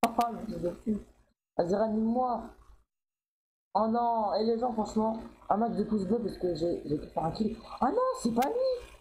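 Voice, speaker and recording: A young man giving excited commentary over his own gameplay as a gaming YouTuber, swinging between loud yelps and low mumbling and swearing often. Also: normal speed, long pauses, a little hiss or hum, rough recording.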